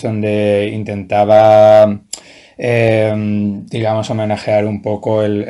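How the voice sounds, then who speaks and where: Speaking as a guest writer, a man in his forties from Valencia, Spain, responds to interview questions thoughtfully but haltingly, often starting over. His voice is lowish with a dark tone.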